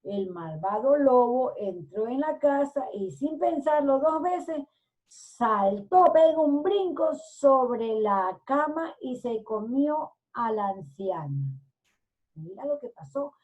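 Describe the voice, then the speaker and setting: A woman teacher with a high, lively voice tells a story to children at a slow pace. She stops often to explain words and checks in with the listeners. The sound is mellow and a little muffled. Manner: explains with frequent "¿no es cierto?" checks.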